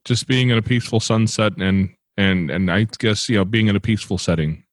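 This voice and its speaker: A man with a fairly low voice, recorded close and dry. He responds as a participant in a guided exercise, low-key and a little tentative. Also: a little fast, no room sound. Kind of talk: brief conversational responses.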